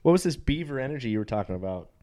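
Man, twenties, comedian, casual chat, laughs often, lively pitch, low-ish voice. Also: very fast. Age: 20s. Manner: laughs often, loose and profane.

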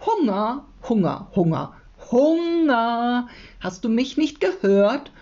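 A woman's voice: big pitch swings, takes it slowly, dark tone, exaggerated voice. A woman doing a wailing, hungry merman creature. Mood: demanding. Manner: wailing, theatrical, high-pitched. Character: hungry demanding merman creature, whiny and dramatic. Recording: dull, muffled lo-fi recording.

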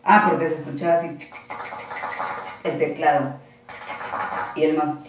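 A woman's voice: low voice, fairly even intonation, unhurried, soft background music. Woman, Mexican accent, rambling storytelling, distant mic, very echoey room. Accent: Mexican Spanish. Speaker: guest. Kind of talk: casual storytelling.

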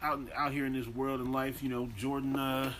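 A podcast co-host from America talks at a normal speed with a level, fairly bright tone, though he claims a deep voice. His storytelling is animated, casual and slangy, peppered with profanity and banter. Faint background noise can be heard.

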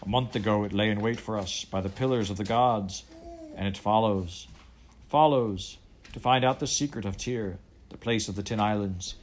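A man voicing a fierce, proud sea captain who speaks in a loud, declamatory way. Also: fairly low pitch, moderate pace, a little hiss or hum, lightly acted. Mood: pleading.

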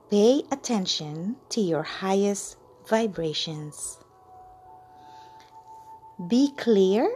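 A woman leading a channeled guided meditation, soothing and drawn out, with lines that fade into breathy whispers. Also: medium pitch, a little hiss or hum.

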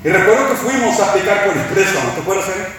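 High-voiced pastor preaching in an echoey church. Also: male voice, animated, a bit bright, a little hiss or hum. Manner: impassioned preaching, slows for emphasis. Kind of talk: sermon. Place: church sanctuary. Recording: echoey room, preacher far from mic.

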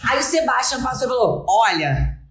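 With faint music behind her and a roomy echo, a woman co-hosting a podcast dramatically recounts a story in a relaxed way, voicing its characters herself. She speaks at a moderate pace in a fairly bright, high-leaning voice with big swings in pitch.

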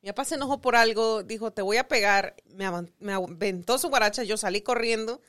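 Rambling storyteller woman, fairly high voice. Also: fast talker, fairly bright tone. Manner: rambling, self-correcting storytelling. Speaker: podcast co-host. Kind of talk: casual family chat.

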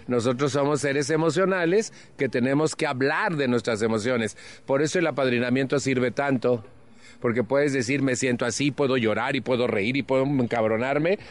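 Older Mexican man telling his story. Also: mid-range voice. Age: 70s. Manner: earnest, animated storytelling with frank slang. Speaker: Al-Anon speaker. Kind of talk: personal testimony talk.

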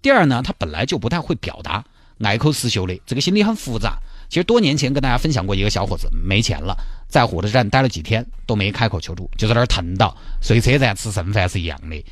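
A man's voice: lowish voice, big pitch swings, fast talker, no room sound. A man telling a comic story in a chatty, explaining manner.

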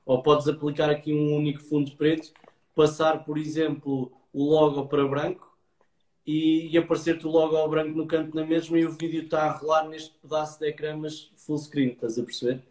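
A man with a European Portuguese accent gives casual feedback on a website, explaining things and often checking in with short tag questions. His fairly high voice has little pitch movement and a darkish tone at normal speed, recorded in an echoey room.

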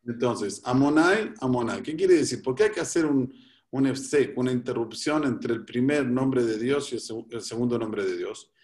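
A man's voice: medium pitch, moderate pace, darkish tone. A man, a rabbi explaining prayers step by step and repeating key phrases. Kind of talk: religious teaching in a talk.

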